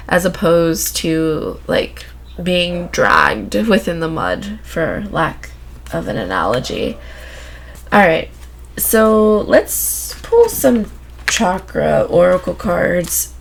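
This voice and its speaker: Slow, gravelly-voiced woman reading oracle cards. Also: fairly low pitch. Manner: gentle, reflective, many filler words. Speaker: oracle card reader. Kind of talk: spiritual card reading. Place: home room with windows open.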